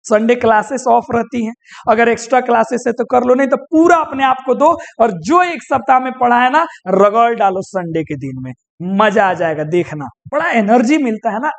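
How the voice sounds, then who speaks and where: High gravelly Bihari teacher exhorting students. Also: male voice, lively intonation, normal speed. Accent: Bihari Hindi. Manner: folksy, exhorting, mixes dialect and English words. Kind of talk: motivational exam advice to students.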